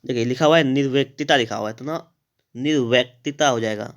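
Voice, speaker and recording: A man of middle pitch teaches an exam-prep spelling lesson. He talks straight to his students and checks in often. He spells out each answer step by step and says the key words again slowly. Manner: addresses students directly, with frequent "thik hai" checks. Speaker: Hindi grammar teacher.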